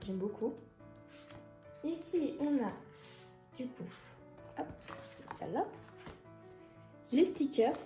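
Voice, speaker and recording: A young woman chatting excitedly and giggling as she unboxes an album for her vlog. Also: high voice, slow, long pauses, echoey room, soft background music.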